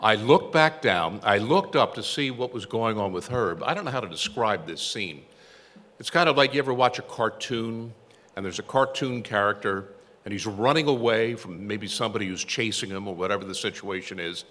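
A man's voice: lowish voice, moderate pace, a bit bright. An older man giving an anecdotal tribute speech, telling stories with self-deprecating humor. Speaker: tribute speaker, former newsroom copy boy. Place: event hall. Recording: echoey hall with long reverb.

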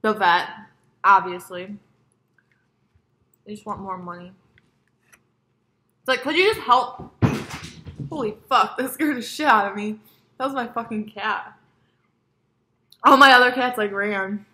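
A woman's voice: medium pitch, a little slow, long pauses, bright, forceful tone. A young adult woman vlogging at home, chatting in a rambling, profane way as she eats on camera. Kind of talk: casual mukbang chat.

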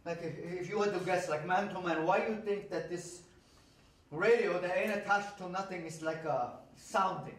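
A man plays an uneasy, rambling guy with a fairly high voice and loose, slangy talk. He sits far away in a very echoey space. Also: normal speed, a little hiss or hum, lightly acted. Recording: echoey distant room.

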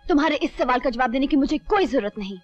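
A proud young college woman who answers back with sharp contempt in a very high voice. The old film soundtrack is dull, with music in the background. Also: animated, fast talker. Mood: defiant. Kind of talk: 1980s film melodrama.

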